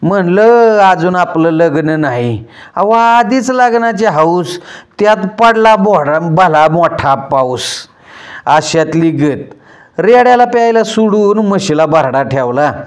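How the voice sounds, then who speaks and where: A man's voice: sits high, expressive, slow pace, clear, resonant tone. A man telling a folk story in a wry, self-mocking way, calling out to his listeners.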